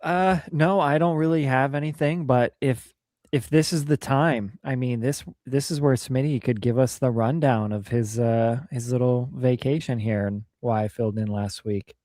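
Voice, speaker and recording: A man's voice: mid-range voice, steady tone, moderate pace, a little mellow, no room sound. A man joins a casual sports podcast and speaks in a plain mid-range voice. He talks in a hesitant, offhand way. The sound is close and dry.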